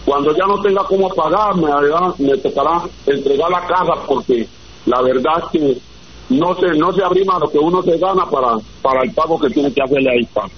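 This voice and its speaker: Phoning in to a radio show, this man has a slightly rough, somewhat high voice and talks a little fast. He goes on earnestly and at length about local grievances, and the line is muffled with faint noise.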